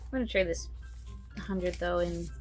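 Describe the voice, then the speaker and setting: A woman who runs a budgeting vlog, thinking aloud in a fairly monotone way as she counts bills under her breath. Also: fairly low pitch, moderate pace, over music. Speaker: budgeting vlogger. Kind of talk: casual talk while counting cash.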